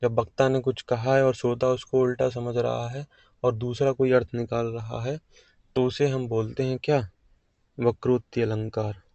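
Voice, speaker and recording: A man's voice: mid-range voice, level tone, moderate pace, vocal fry, warm tone, dry recording. A man teaching an exam-prep grammar lesson, explaining patiently and repeating key phrases.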